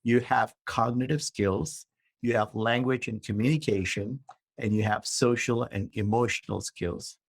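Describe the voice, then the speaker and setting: This middle-aged man from Malaysia has a creaky, husky voice of medium pitch and talks a little slowly, with no echo. Interviewed on a podcast as a guest author and coach, he lays out his ideas in a structured way, often tagging on "right?".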